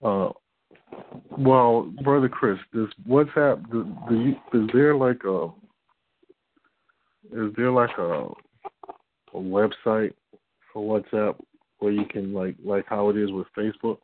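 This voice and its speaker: A man speaks over a phone line at an unhurried crawl, his low voice stopping and restarting as he thinks aloud. The line is tinny and bone dry. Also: slight background noise. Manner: hesitant, full of fillers and restarts. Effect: heard over a phone line.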